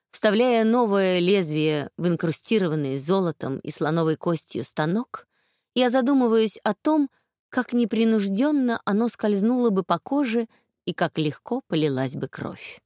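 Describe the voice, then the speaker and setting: A woman reading a first-person novel aloud as an audiobook narrator, calm and measured. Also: mid-range voice, dry recording, studio quality.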